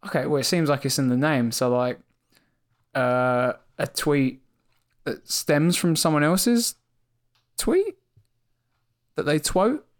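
A man's voice: on the high side, animated, slow, pauses often. Jokey, swearing man with an Essex accent. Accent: Essex English. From England. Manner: jokey, swears freely, curious. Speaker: podcast co-host. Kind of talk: casual podcast chat.

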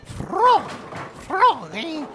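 A woman's voice: high-pitched, huge pitch swings, drawn-out words, noisy background, full character voice. A woman voicing a silly toy frog who talks in a goofy, bickering way.

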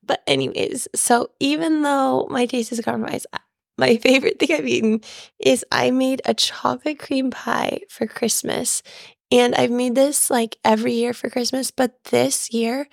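Sick woman co-host, hoarse squeaky voice with gravelly fry, higher pitch, dry close sound. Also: fairly even intonation, normal speed, no room sound. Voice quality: squeaky, broken voice. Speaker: podcast co-host. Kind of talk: casual chat.

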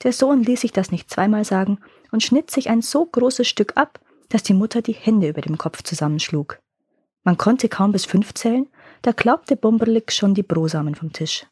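A woman reading a fairy tale aloud in a calm, lively storytelling manner that slows for suspense. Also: medium pitch, husky, dry recording, clean studio sound.

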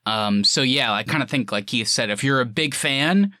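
A man's voice: mid-range voice, moderate pace, sharp tone, no room sound, studio quality. A man hosting a casual film review chat, talking in an informal, enthusiastic way. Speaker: podcast host.

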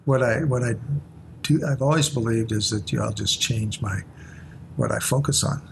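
A man's voice: mid-range voice, moderate pace, creaky, background noise. An older man, a retiring church leader, talking in a reflective, hesitant way in conversation.

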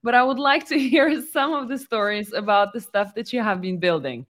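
A woman hosting a podcast, leading the chat in an animated way and introducing her guest. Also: fairly high pitch, moderate pace. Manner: animated, leads the conversation. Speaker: podcast host. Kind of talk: casual chat.

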